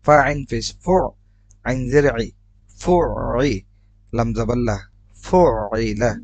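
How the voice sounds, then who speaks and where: A man in a step-by-step recitation lesson, spelling out each letter and vowel mark before blending them into syllables. His voice sits at an ordinary middle pitch. It is recorded close and dry, with no echo of a room. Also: expressive, slow pace. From Bangladesh. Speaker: Quran reading teacher.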